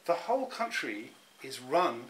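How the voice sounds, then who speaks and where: In a reflective personal interview, a middle-aged man from England thinks aloud, frequently starting over and repeating himself. His medium-pitched voice is a bit bright and swings widely in pitch, his pace is a little slow, and there's slight hiss or hum on the recording.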